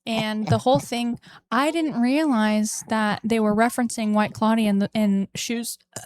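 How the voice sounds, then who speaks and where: A woman's voice: fairly high pitch, fairly even intonation, moderate pace, a little mellow, dry recording, studio quality. A woman streamer in casual chat after a game, talking in a chatty way with many fillers. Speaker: streamer host.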